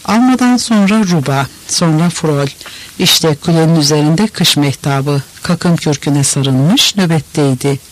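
Slightly high-voiced male audiobook narrator. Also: slight background noise, poor audio. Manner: measured, expressive storytelling.

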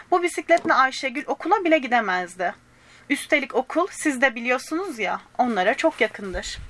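A woman reading a children's storybook aloud in a gentle manner, speaking directly to young listeners and giving the characters small voices. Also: high voice, a little hiss or hum.

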